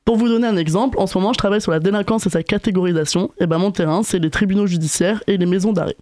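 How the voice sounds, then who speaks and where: A young woman with a voice affected by a sore throat, presenting a scripted podcast segment in a lively, tongue-in-cheek way. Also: mid-range voice, very fast, no echo, studio quality.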